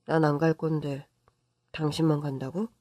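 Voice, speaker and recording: A woman doing a quiet, weary husband. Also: flat delivery, moderate pace, no echo, lightly acted. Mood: subdued. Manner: quiet, low and resigned.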